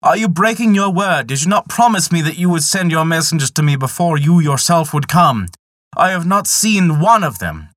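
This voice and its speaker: A man's voice: medium pitch, animated, normal speed, fairly bright tone, dry recording, studio quality, pitched above the performer's own voice, lightly acted. A man doing an earnest young man. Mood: indignant. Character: young man, carefree then indignant.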